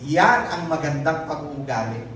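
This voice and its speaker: This Filipino-accented preacher sounds animated and unhurried, his medium-pitched voice fairly bright, with a little hiss or hum on the track. He is giving a sermon in a church hall, repeatedly seeking an amen from the congregation, recorded far from the mic in a very echoey space.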